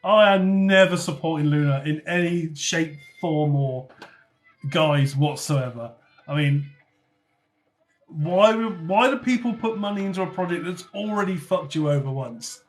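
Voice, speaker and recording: A chatty man with a slightly high voice. He hosts a casual livestream and answers viewer comments one after another in a loose, offhand way, swearing now and then. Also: lively intonation, a little slow. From North Somerset, England. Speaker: livestream host.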